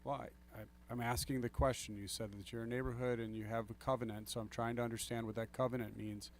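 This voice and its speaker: A man's voice: medium pitch, flat delivery, quick pace, a little hiss or hum. A man on a planning commission, talking earnestly at a public meeting, apologizing and thinking aloud with restarts into a table microphone he sometimes drifts away from. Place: council meeting room. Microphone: table microphone, sometimes off-axis.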